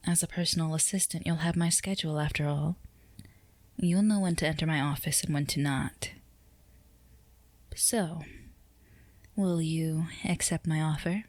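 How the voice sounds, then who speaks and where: In this ASMR-like roleplay, a low-voiced woman portrays a self-possessed female executive, teasing the listener with flirtatious, formal, leisurely lines. Her tone is steady and a little mellow, her mood assured, and the recording is very dry and close.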